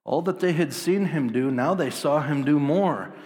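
A man in his thirties preaching a sermon as pastor, animated, acting out the voices of the people in the story. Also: on the high side, normal speed, long reverb tail. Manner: animated, acts out voices of disciples.

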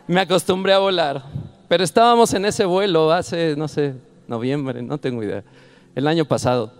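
A man's voice: a little high, normal speed, clean tone. A man preaching a sermon. He tells a personal story and builds to fervent exhortation.

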